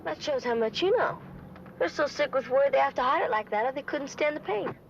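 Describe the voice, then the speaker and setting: A woman's voice: high voice, expressive, fairly quick, gravelly. A woman playing a sassy, defiant teenage girl with a blunt, wisecracking way of talking in a 1970s TV drama. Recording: muffled, faintly noisy old TV soundtrack.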